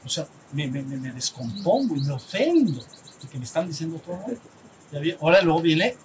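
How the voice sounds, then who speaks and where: In a low-quality recording with a faint rumble behind him, a spiritual teacher with a Mexican Spanish accent addresses a small group. His animated, fairly quick talk is conversational, checking for the group's agreement and acting out brief exchanges.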